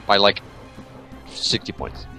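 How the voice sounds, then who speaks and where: A young man casually commentating his online gameplay, excitable and joking, often yelping when he gets a kill. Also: takes it slowly. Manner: excitable, yelps and jokes. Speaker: gamer. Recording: game music behind.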